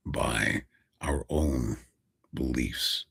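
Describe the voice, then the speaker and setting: A man hosting a casual live stream, a voice actor chatting with viewers in a deep, gravelly voice and a slow, dramatic delivery that drops to a whisper. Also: fairly bright tone, no room sound, studio quality.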